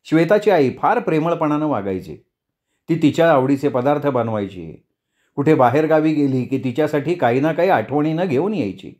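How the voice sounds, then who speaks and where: Expressive male storyteller, slightly high voice. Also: moderate pace. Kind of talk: story reading.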